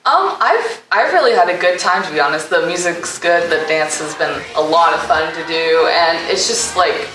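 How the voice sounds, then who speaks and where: A woman's voice: lowish voice, lively intonation, moderate pace. A young woman being interviewed about her show, talking hesitantly with many fillers and shy laughs. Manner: hesitant, lots of "um" and "like", laughs shyly. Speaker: guest, cast member. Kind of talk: casual interview. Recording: echoey room, mic at a distance.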